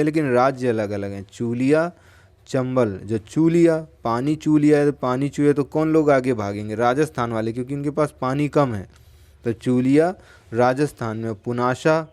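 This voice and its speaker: A man's voice: medium pitch, a little mellow. A man teaching exam geography, talking in a chatty way and asking and answering his own questions. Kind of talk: lecture with memory tricks.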